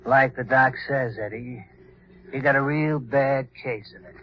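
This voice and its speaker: An actor playing a sneering, street-tough hoodlum with a gun, in 1940s radio acting on a dull lo-fi old broadcast. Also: male voice, mid-range voice, fairly even intonation, measured pace, slight background noise, natural voice.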